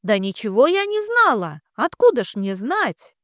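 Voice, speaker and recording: A woman's voice: fairly high pitch, big pitch swings, moderate pace, dry recording, studio quality, voice pushed up. A woman voicing a middle-aged female fortune-teller who wails, pleads and hisses curses. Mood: wailing. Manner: lamenting, pleading, then hissing curses.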